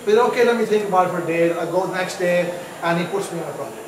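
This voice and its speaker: A man's voice: high-pitched, very fast. A man from Pakistan telling his story as a guest on stage, chatty and self-mocking, with many fillers and restarts. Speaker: guest entrepreneur. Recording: distant mic, echoey room, noisy.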